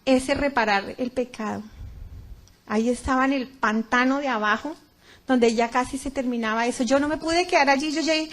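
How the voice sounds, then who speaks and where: A high-voiced middle-aged woman with a Colombian accent tells her religious testimony to a gathered congregation. Her delivery is fervent and dramatic, surging into loud cries and then dropping to hushed, quiet tones. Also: moderate pace. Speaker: testimony speaker.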